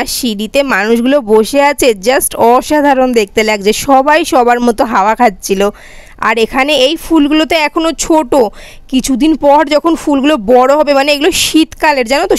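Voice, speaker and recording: Fast-chatting young woman vlogger. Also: high-pitched, no room sound. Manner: fast, chatty, says herself she talks quickly. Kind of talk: casual vlog voice-over narration.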